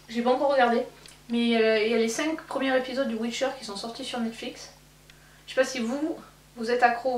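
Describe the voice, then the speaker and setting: A woman in her thirties, a beauty vlogger chatting casually and rambling with many fillers while doing her makeup. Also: a little high. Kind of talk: casual get-ready-with-me chat. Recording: echoey room, mic at a distance, faint hum.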